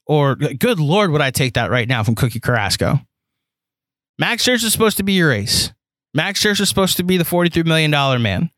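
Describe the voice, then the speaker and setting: A young man hosting a solo sports podcast, talking in an animated, rambling way with lots of fillers and restarts. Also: on the high side, no echo. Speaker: podcast host.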